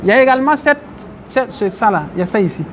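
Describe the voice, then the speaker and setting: A man's voice: very high-pitched, lively intonation, fast talker, fairly bright tone, slight background noise. A man teaching a religious class, explaining Arabic terms and questioning his listeners. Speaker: Islamic teacher. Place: mosque, faint outdoor traffic behind.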